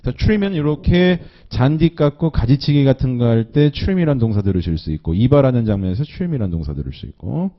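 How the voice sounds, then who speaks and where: A man teaching an English listening class, slowly repeating phrases and checking in with students after nearly every line. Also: mid-range voice, lively intonation. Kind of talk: recorded online lecture. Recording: dull lo-fi lecture recording.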